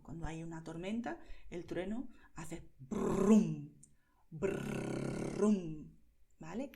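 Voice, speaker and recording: A woman from Spain with a Spain Spanish accent, teaching pronunciation to learners slowly and clearly, often checking in with "¿vale?". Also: on the low side, dark tone. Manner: slow, clear, over-articulated, checks in with "¿vale?".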